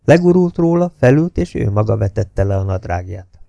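A man reading a novel aloud as an audiobook, telling it in a measured, steady way that drops to hushed tones. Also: lowish voice, creaky, no echo, dull audio. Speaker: audiobook reader. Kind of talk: scripted novel narration.

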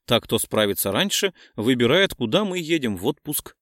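A man reading an audiobook, voicing a sly young man who speaks in a measured, deliberate way. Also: medium pitch, sing-song, fairly bright tone, no room sound, clean studio sound.

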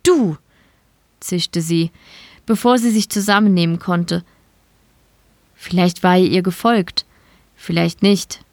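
A woman reading a short story aloud in calm, measured scripted narration. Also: on the low side, dry recording. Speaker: story reader.

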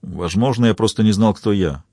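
A man voicing a worried husband who speaks in a quiet, weary, halting way in an audiobook. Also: on the low side, dry recording, studio quality, close to an everyday voice.

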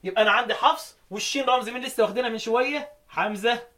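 Egyptian-accented male recitation teacher; quick quiz questions, slow chanted verses. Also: very high-pitched, bright, forceful tone. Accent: Egyptian Arabic. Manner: quizzes listeners with quick questions, then chants verses slowly. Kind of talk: lecture explaining recitation variants.

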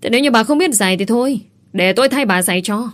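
A woman's voice: on the high side, fast, voice pushed up, close to an everyday voice. A woman voicing an aggressive male thug who speaks in a contemptuous, menacing way.

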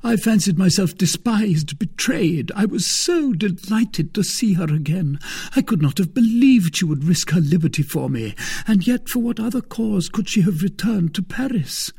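Man voicing anxious lovesick young musketeer, pleading, emotional, raised pitch, lively, husky, storybook. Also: measured pace, full character voice.

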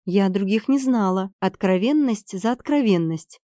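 Anxious young noblewoman, read by a woman, breathless exclamations, warm mellow tone, dry close audiobook sound. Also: mid-range voice, lively intonation, normal speed, no echo, natural voice. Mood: earnest. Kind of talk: audiobook character reading.

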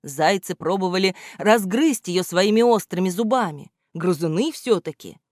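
Reading a children's storybook aloud, a woman gives a lively, expressive performance with lots of pitch movement. She speaks at a normal speed, and the recording is dry and close-miked with no echo.

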